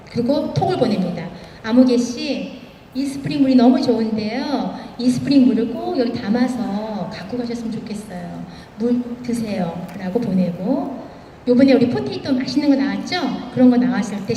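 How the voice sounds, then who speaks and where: A woman's voice: fairly high pitch, warm tone, slight background noise. A woman guest speaker telling anecdotes on stage and acting out the quoted dialogue. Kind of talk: motivational stage speech with anecdotes. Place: large event hall. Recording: echoey hall, far from the mic.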